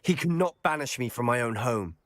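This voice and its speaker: An actor voicing a defiant, impulsive teenage student wizard in a video game, with an insistent, headstrong delivery. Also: male voice, medium pitch, expressive, a little fast, no room sound, studio quality, close to an everyday voice. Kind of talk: dramatic video game dialogue.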